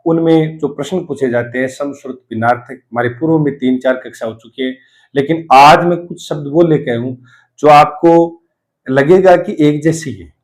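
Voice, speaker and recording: Man, middle-aged, lecture style, explains by repeating words, fairly high pitch. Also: a little mellow, rough recording. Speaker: Hindi teacher. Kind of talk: classroom lecture on word pairs.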